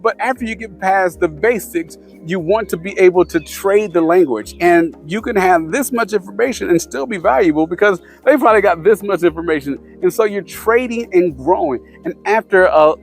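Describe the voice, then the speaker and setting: Man vlogging, high voice, rambling with lots of fillers, faint music underneath. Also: normal speed, hardly any pauses. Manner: rambling, many "you know" fillers and restarts. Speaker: vlogger sharing language-learning tips. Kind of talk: casual talk to camera.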